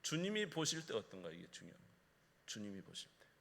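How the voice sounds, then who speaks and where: Low-voiced preaching pastor in a hall. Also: male voice, huge pitch swings, quick pace, creaky, fairly bright tone. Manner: emphatic, often asking the congregation questions. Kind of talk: sermon. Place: church sanctuary. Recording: echoey church hall.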